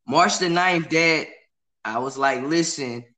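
Podcast host guy in his late 30s, kinda high voice, earnest and pumped about his goals. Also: takes it slowly, sharp tone. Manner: earnest, motivational, plain-spoken. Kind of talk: casual interview chat.

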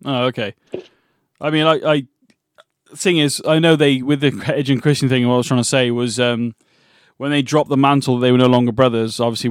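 A man's voice: mid-range voice, no echo. Hesitant man on a dry mic. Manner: hesitant, filler-heavy, laughs often. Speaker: podcast co-host. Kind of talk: casual chat.

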